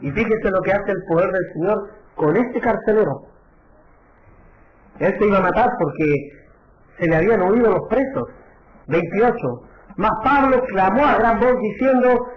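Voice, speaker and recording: High-voiced preaching man, echoey lo-fi. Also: slight background noise. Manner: preaching with rhetorical questions, addressing listeners as brother. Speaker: pastor. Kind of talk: sermon. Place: church. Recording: echoey, dull lo-fi church recording.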